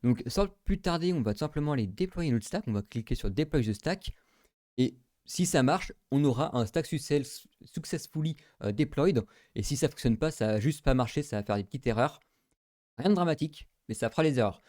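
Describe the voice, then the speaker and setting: A man's voice: medium pitch, lively intonation, fairly quick, a little mellow, no room sound, studio quality. Casual man talking through a tutorial. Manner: casual, many fillers, thinks aloud. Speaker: tech tutorial host. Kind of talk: screen-recorded tutorial walkthrough.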